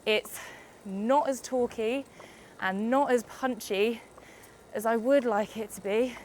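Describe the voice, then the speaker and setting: An e-bike reviewer from the UK, congested with a summer cold, talks slowly in a fairly high voice while riding. Chatty and upbeat, she explains her casual cycling video review on roads and hills outdoors, and a little hiss or hum sits under the audio.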